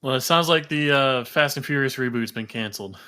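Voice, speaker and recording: A man's voice: mid-range voice, fairly quick, bright, forceful tone, clean tone. A man who is a regular on a trucking news show, talking in a wry, joking way. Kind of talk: casual news talk.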